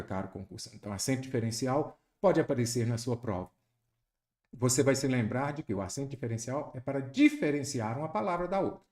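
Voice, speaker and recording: A man's voice: mid-range voice, darkish tone. A man from Brazil teaching grammar in an exam prep lesson, emphatic, quizzing the viewer as he goes. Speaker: Portuguese teacher.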